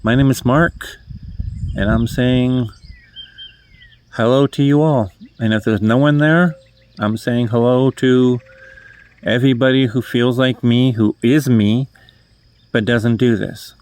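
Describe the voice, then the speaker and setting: A man over fifty from New Hampshire, with a New England accent, rambles through his first book vlog on a phone held in his hand, putting himself down and correcting himself as he goes. His medium-pitched voice is smooth and darkish, with fairly even intonation. He speaks slowly and pauses often.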